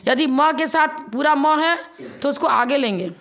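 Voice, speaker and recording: A woman's voice: high-pitched, a bit bright. A woman, a nun, giving a religious discourse and explaining step by step how to recite verses. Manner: explains step by step, acts out chanting slowly. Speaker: Jain nun teacher.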